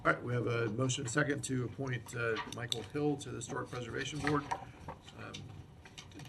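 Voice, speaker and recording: A man chairing a public meeting, calling motions and votes in an informal, polite, halting way. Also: mid-range voice, steady tone, vocal fry, heavy background noise. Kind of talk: procedural meeting moderation.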